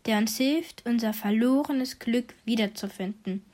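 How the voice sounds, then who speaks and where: A woman's voice: on the high side, a little slow, darkish tone. A woman voicing three hopeful foxes in a storybook who speak together, earnest and pleading.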